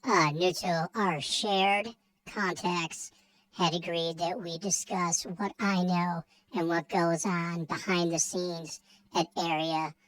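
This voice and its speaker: A woman's voice: fairly low pitch, rough recording. A woman playing a secretive whistleblower whose voice is disguised to sound like a helium-filled alien, speaking in a solemn, formal, conspiratorial manner. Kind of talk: comedy sketch.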